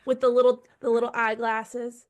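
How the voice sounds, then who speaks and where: A woman co-hosting a podcast in casual chat, hoarse from a cold, telling stories and laughing often. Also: a little high, level tone, moderate pace. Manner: chatty, storytelling, laughs often. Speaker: podcast co-host.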